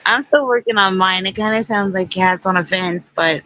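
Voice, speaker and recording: A woman's voice: normal speed, sharp tone, slight background noise, poor audio. A woman calling into a livestream chat through a voice changer that pushes her voice up. She chats casually and giggles often. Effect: pitch-raising voice changer. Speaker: caller on a livestream. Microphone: voice call into a stream.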